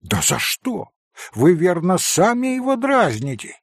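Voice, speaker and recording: A man's voice: high voice, huge pitch swings, measured pace, no room sound, studio quality, pitched above the performer's own voice, heavily acted. A man doing an earnest pleading young man.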